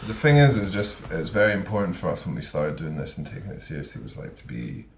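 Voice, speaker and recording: A Scottish man from Edinburgh, a guest musician chatting on a podcast in an earnest, animated way. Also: deep voice, fast talker, vocal fry. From Scotland. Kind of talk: casual chat. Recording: echoey room with faint noise.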